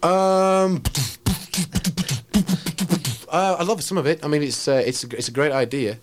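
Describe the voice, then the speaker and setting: A man's voice: on the high side, expressive, a little slow, a little hiss or hum. A middle-aged man, a ranting poet talking in a radio interview, brash and rambling with many restarts. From England.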